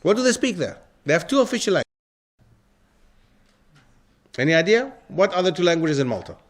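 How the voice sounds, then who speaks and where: A man's voice: sits high, big pitch swings, rapid-fire. A man giving an interactive lecture to a live audience, often stopping to put questions to the listeners. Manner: quizzes the audience with frequent questions. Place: lecture hall.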